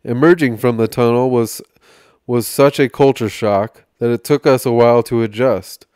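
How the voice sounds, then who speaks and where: Smooth-voiced man reading aloud. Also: mid-range voice, steady tone, darkish tone, dry recording, clean studio sound. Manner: measured reading with small slips and restarts. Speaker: podcast host reading aloud.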